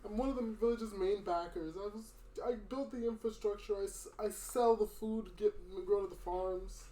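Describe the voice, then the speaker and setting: A man's voice: high-pitched, moderate pace, mellow, lightly acted. A man voicing a frightened elderly village man who pleads and rambles through tears, in a roomy recording. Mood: nervous. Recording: roomy with faint noise.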